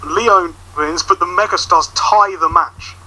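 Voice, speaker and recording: A man's voice: sits high, a little slow, over a noisy crowd, rough recording. A man bantering casually and teasingly as a podcast guest. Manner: joking, teasing.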